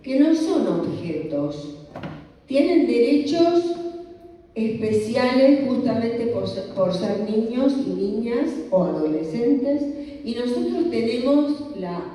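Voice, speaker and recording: A woman's voice: fairly high pitch, expressive, slow pace, mellow, a little hiss or hum. A woman giving a church lecture on children's ministry, teacherly and posing rhetorical questions to the audience. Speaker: conference speaker. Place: church hall. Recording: echoey hall, voice from far off the mic.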